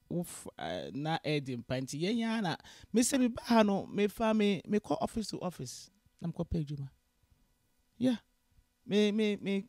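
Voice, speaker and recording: A Ghanaian woman living in Canada, a guest in an interview, tells her story in a casual blend of English and Twi, switching freely and acting out the dialogue with energy. Her low voice is recorded at studio quality with no echo.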